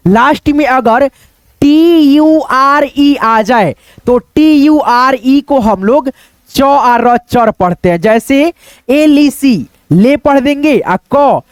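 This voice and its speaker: A man's voice: very high voice, lively intonation, takes it slowly, dry recording. A man teaching English pronunciation rules, asking and answering his own questions and repeating phrases often. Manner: addresses viewers as friends, repeats phrases. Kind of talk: spoken English lesson.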